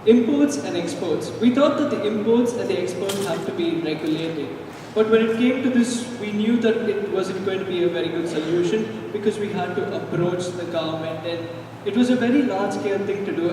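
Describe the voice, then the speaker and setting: A man's voice: high-pitched, lively intonation, normal speed, background noise. A young man from India, speaking as a student presenter and earnestly explaining his team's ideas. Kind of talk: school team presentation. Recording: echoey hall, voice from far off.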